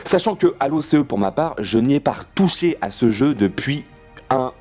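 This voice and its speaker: Male gaming host, very animated pitch, jokey, profane, rambling commentary. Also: normal speed, soft background music. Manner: rambling, swears often, restarts sentences; playful, jokey rants. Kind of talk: casual gameplay commentary.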